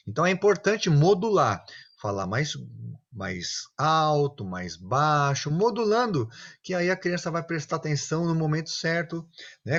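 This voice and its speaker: A man giving tips to children's teachers in an online class, lively and acting out examples, often asking his listeners "right?". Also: fairly high pitch, highs cut off. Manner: lively, acts out examples, often asks "né, gente?". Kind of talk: online class, casual explanatory talk.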